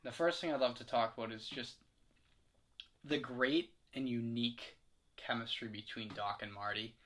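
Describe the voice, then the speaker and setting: Here the young podcast co-host speaks at medium pitch with a steady, slightly bright tone and a moderate pace. He chats casually but wanders and hesitates, leaning heavily on filler words.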